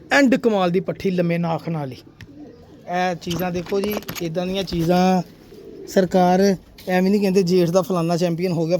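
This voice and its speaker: A man's voice: sits high, a little mellow, a little hiss or hum. A man talks casually to viewers while showing his pigeons, chatty and boastful, calling them brother and sir. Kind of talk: casual vlog talk to viewers. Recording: faint pigeon coos and outdoor ambience. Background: pigeons cooing.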